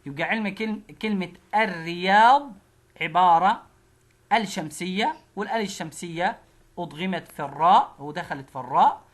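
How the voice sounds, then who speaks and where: A woman with an Egyptian Arabic accent teaching a phonics lesson, slowly repeating syllables one at a time. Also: on the low side.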